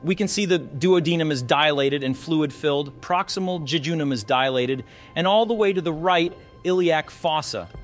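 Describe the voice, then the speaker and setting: Teaching through a case, a male radiology instructor asks the viewer questions while he explains. He speaks at a moderate pace in a fairly high voice, with faint music in the background.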